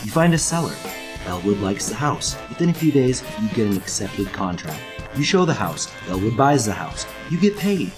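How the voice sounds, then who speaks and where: A man's voice: on the low side, big pitch swings, moderate pace. A man reading a scripted ad in short, punchy, upbeat lines. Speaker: ad voice-over. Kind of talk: scripted ad narration. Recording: voice-over with loud music. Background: guitar music.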